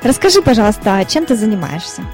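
A woman hosting a business radio interview, asking quick, prompting follow-up questions over faint music. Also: medium pitch, big pitch swings, a little mellow. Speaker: radio show host.

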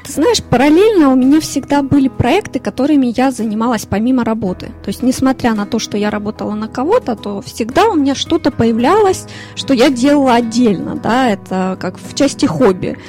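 A woman in her thirties from Ukraine, a lawyer and consultant, answering interview questions in a measured way with fillers. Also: sits high, animated, darkish tone, soft background music. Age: 30s. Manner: measured, listing things with fillers.

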